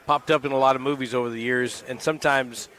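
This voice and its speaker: A man's voice: medium pitch, fairly even intonation, fast, a bit bright, a little hiss or hum, rough recording. A man giving chatty, folksy color commentary on a basketball broadcast.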